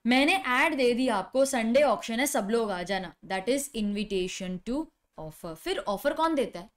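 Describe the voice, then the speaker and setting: An Indian woman in her thirties teaches on camera, her voice sitting a little high. She talks in an animated way, putting on short back-and-forth scenes with her students as she explains. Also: slow. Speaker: commerce teacher. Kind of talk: video lecture. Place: indoor studio.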